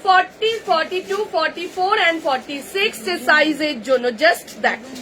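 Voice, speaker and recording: A woman with a Kolkata Bengali accent, selling clothes on a live stream, brisk and chatty as she reels off sizes and prices. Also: very high-pitched, pushed and bright, a little hiss or hum, rough recording. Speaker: online kurti seller. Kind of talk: live-stream sales pitch. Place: clothing shop.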